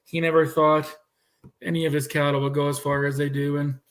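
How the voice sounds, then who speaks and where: Thirties cattle breeder, man from Canada, slightly high pitch, easygoing rambling chat. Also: a little fast. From Manitoba, Canada. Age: 30s. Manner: relaxed rambling with restarts. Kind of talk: casual chat.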